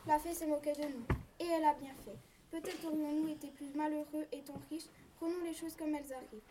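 A woman's voice: high-pitched, fairly even intonation, a little fast, dark tone, slight background noise, lightly acted. A woman voicing a poor wife who longs for riches in a storybook reading, eager and dramatic. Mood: wise.

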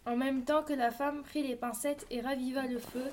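A woman's voice: high-pitched, steady tone, moderate pace, a little hiss or hum. A woman reading a fairy tale aloud, addressing young listeners as storyteller.

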